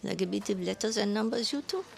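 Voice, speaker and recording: A woman voicing a sly, crusty elderly French market vendor with a creaky, heavy French accent. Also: mid-range voice, fast talker, voice pushed up.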